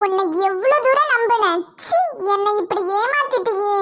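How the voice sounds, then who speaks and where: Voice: extremely high pitch, moderate pace, heavy background noise. A voice actor playing a betrayed young bride in a cartoon, with a Kanyakumari Tamil accent, scornful and accusing. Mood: bitter. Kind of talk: cartoon voice acting.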